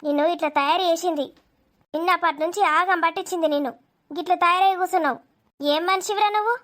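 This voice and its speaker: A woman voicing a strict, sharp-tongued village mother in a cartoon, scolding and lecturing. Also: very high-pitched, fast talker.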